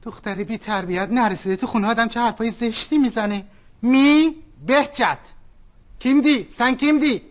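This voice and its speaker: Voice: mid-range voice, lightly acted. A performer playing an overprotective older mother with a Persian accent in a comedy sketch, talking bluntly in broken English mixed with Persian. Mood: bossy.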